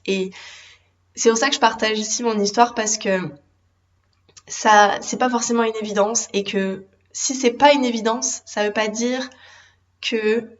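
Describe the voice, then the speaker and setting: A woman in her thirties with a French accent, a coach for women, speaking gently and reflectively to the camera, with frequent hesitations. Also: medium pitch. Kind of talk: personal confiding talk to camera. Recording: slightly dull lo-fi sound.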